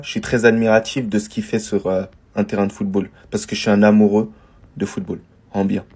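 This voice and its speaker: A man's voice: on the low side, a little mellow, husky. A man giving casual football commentary, talking to his viewers and repeating his points for weight.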